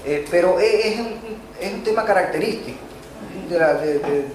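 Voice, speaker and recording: A man's voice: sits high, moderate pace. A man with a Chilean accent preaching a sermon to his congregation, hesitant, with frequent filler sounds and repeated words, calling them brothers. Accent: Chilean Spanish. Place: church. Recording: echoey church hall with faint noise.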